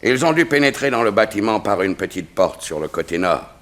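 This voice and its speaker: In a 1960s French radio drama, a male actor plays a dignified royal chamberlain, speaking formally and precisely. His lowish, slightly bright voice is animated and brisk, and the mood is grave and formal.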